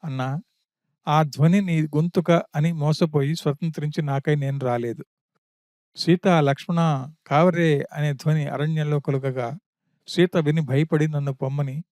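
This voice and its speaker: Brief: a man playing a devoted, wounded younger brother pleading his case in a spoken epic, a little high. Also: a little mellow, no echo, clean studio sound, lightly acted.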